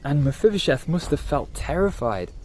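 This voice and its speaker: A man telling a Bible story to camera in an animated, conversational way. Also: fairly high pitch, moderate pace, a little hiss or hum. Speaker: youth vlogger and interviewer.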